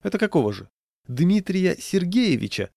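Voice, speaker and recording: A man voicing a burly, gruff street patrolman with a hoarse voice and a stern, mocking manner. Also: lowish voice, moderate pace, dry recording, clean studio sound, close to an everyday voice.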